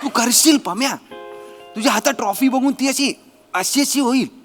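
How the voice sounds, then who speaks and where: A man's voice: very high voice, moderate pace, a bit bright, faint music behind. A man acting as an exasperated director in a comedy skit, alternately scolding and coaxing. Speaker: comedy sketch actor playing a director.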